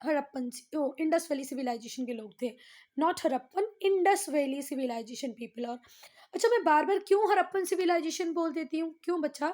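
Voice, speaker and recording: High-voiced Indian woman teaching a class. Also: a little mellow. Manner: mixes Hindi and English, asks students questions and answers them herself; reads English lines slowly and deliberately. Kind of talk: online class lesson.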